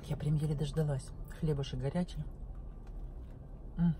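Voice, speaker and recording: A woman's voice: low voice, steady tone, moderate pace, noisy background. A woman chatting casually in a mukbang vlog, talking with her mouth full and humming over her food between bites. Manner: savoring, murmuring "mm" between bites. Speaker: mukbang vlogger. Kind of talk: casual chat while eating.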